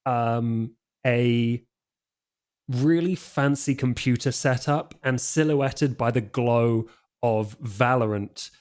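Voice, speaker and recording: A man narrating as storyteller of a tabletop game in a loose, unhurried way, with many fillers. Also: mid-range voice, darkish tone.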